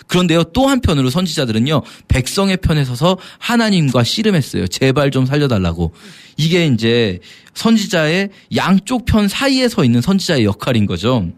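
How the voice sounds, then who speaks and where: Animated man explaining scripture. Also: on the high side, brisk. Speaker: Bible teacher. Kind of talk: radio Bible explanation.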